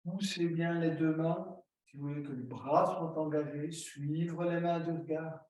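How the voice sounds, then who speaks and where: Slow, calm male yoga teacher, echoey. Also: fairly high pitch. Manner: slow, calm step-by-step breathing cues. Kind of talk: guided yoga instruction. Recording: very echoey room, distant mic.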